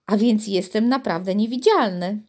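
A woman's voice: mid-range voice, moderate pace, darkish tone, close to an everyday voice. A woman reading the lines of a worried, dreamy middle-aged city president in a storybook, sad and wistful in manner. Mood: moved.

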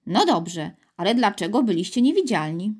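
A woman's voice: mid-range voice, sing-song, normal speed, a little mellow, slightly rough. A woman voicing a flustered, bewildered middle-aged male city mayor in a storybook reading, puzzled and slightly fussy. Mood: contrite.

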